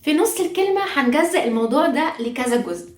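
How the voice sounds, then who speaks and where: In an online language lesson, a Portuguese teacher with an Egyptian Arabic accent patiently walks through pronunciation step by step, saying each example word aloud. Her voice is high, expressive, fast and a little mellow, and the room sounds echoey with faint music behind her.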